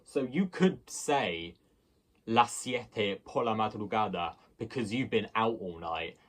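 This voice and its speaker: A man teaching a language lesson, explaining patiently and slowing down to pronounce the foreign words. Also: fairly low pitch, animated, a bit bright.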